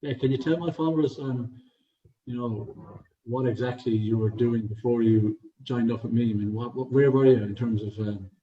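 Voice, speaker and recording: At normal speed and mid-range pitch, the Irish host, a fitness coach, keeps his livestream interview casual, complimentary and encouraging. The call comes through an online video meeting, with muffled, roomy sound from a distant mic.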